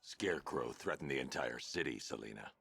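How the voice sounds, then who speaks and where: A man voice-acting a grim, stoic masked vigilante in a video game, terse and steadying, with a gravelly, husky voice. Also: rumbling low, animated, a little fast, fairly bright tone, a little hiss or hum, exaggerated voice. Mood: stern, dry.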